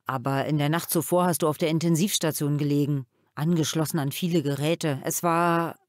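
Woman reading as a gentle, thoughtful father. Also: low-pitched, brisk, no room sound, studio quality, close to an everyday voice. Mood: reflective. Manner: calm, reflective storytelling.

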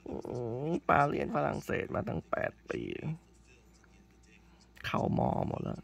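A woman chatting slowly and dotingly to her cat in a teasing, affectionate way, humming between phrases. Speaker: vlogger talking to her cat. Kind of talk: casual chat addressed to a pet.

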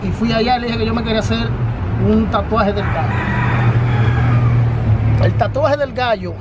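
A man with a very high voice and a Dominican Spanish accent speaks earnestly to the camera in a casual vlog, often repeating himself as he addresses his viewers. He is recorded outdoors on a city street, with traffic noise clearly audible behind him. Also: moderate pace, over a noisy crowd. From Dominican Republic. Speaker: family channel host.

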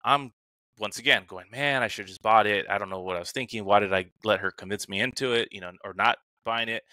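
On a remote call, this podcast co-host chats casually, sharing anecdotes and vividly performing his inner monologue. He talks quickly in a lowish, bright, forceful voice with no echo.

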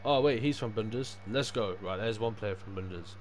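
A young man with a fairly low voice talks casually as he livestreams a game. His speech is loose, sweary and packed with matey slang. There is clear background noise and game ambience under his voice. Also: moderate pace. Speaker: livestreaming gamer. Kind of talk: casual livestream gaming chat.

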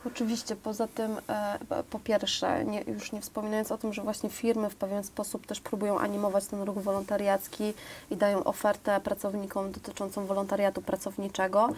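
Earnest woman guest, flat delivery. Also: mid-range voice, slight background noise. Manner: earnest, filler-heavy, lists examples. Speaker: volunteer program guest. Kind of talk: studio interview. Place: TV studio, seated on sofa.

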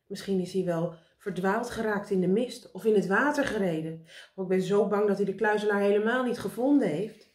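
A fretful, fussy older gentleman, voiced by a woman reading aloud, worried and insistent as he gives orders. The room around the voice echoes. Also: mid-range voice, brisk, lightly acted. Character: anxious fussy elderly gentleman, Mr. Pen. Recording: roomy echo.

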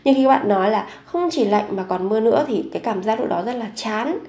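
A woman with a fairly high voice teaching a grammar lesson. She explains each example slowly and patiently, then reads model sentences aloud more quickly. The recording has a noticeably echoey room sound. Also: lively intonation, mellow. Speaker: Korean language teacher.

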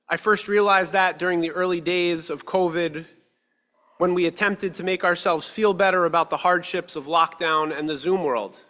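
A male rabbi in his thirties giving a measured, earnest sermon at a lectern with a stand mic, slowing down for emphasis. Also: sits high, sharp tone. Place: synagogue sanctuary, at a lectern. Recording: long reverb of a sanctuary hall.

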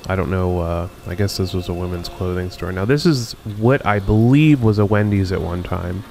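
A video host with a fairly low, creaky voice narrates a casual walkthrough of a closed-down mall, unhurried and musing, pausing often with ums and uhs. Faint music plays beneath him.

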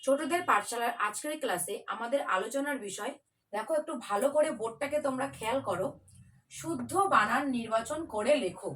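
A woman's voice: a little high, fairly quick, fairly bright tone. A woman teaching a children's spelling class in a patient, coaxing way, spelling words out letter by letter.

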